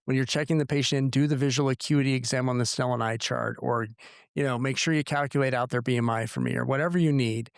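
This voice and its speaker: Gravelly man, animated podcast co-host. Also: mid-range voice, quick pace, no echo, clean studio sound. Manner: animated, acts out quoted remarks, repeats words for emphasis. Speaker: nurse practitioner podcast co-host. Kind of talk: casual podcast discussion.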